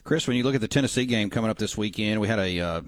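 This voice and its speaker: Lower-pitched man hosting sports radio, dry studio. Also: very fast, no echo. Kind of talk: conversational sports talk. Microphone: dry studio microphone.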